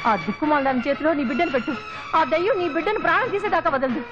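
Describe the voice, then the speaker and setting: An actress playing a scheming older mother-in-law, shrill, wailing and venomous, in a melodramatic film. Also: lively intonation, rapid-fire. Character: scheming older woman, bitter and theatrical. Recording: dull lo-fi film soundtrack with music.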